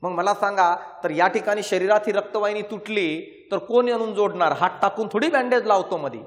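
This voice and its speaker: A man teaching exam-prep science, explaining through lively stories and rhetorical questions. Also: sits high, brisk, long reverb tail.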